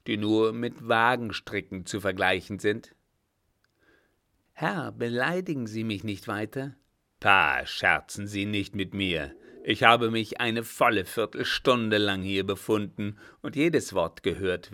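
A man voicing a scornful old captain who mocks and threatens a woman, loud and harsh. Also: fairly low pitch.

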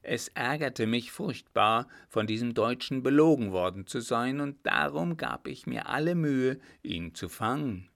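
A man voicing a sly, cheeky coachman who talks calmly and teasingly. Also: mid-range voice, unhurried, creaky, hardly any pauses.

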